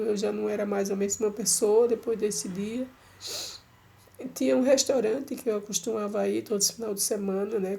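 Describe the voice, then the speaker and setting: A woman's voice: a little high, creaky, mellow. A middle-aged woman giving an emotional personal church testimony, repeating herself and addressing listeners tenderly.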